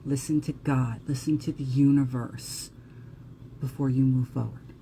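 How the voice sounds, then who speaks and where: A woman's voice: a bass voice, fairly even intonation, unhurried, warm tone, slight background noise. A woman with a New Jersey accent giving a live astrology talk in an earnest, emphatic way. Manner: earnest, emphatic, occasional profanity.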